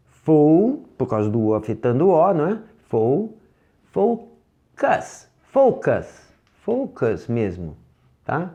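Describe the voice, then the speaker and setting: A man with a Brazilian Portuguese accent teaching English vocabulary in a recorded lesson, patiently drilling each word and slowing down to model how it sounds. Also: medium pitch, a little mellow. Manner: patient, drills words, slows down to model pronunciation.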